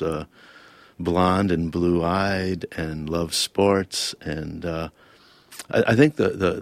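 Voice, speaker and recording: Born in Lebanon and raised in Toledo, Ohio, this author reads his personal essay aloud, then takes interview questions with a thoughtful, wry, self-questioning air. His voice is low with vocal fry, and there's no room sound.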